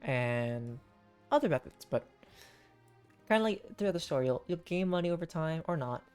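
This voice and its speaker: Lady streaming a game w viewers, deep-ish voice, chatty and playful, kinda halting, music playing behind. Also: expressive, a little mellow, smooth. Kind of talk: casual livestream game commentary.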